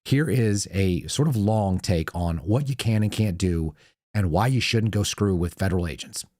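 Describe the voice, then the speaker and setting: An American man hosting a casual solo talk show, his voice raspy, reedy and hoarse. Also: deep voice, moderate pace, warm tone, dry recording, studio quality. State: hoarse, voice partly lost. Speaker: podcast host.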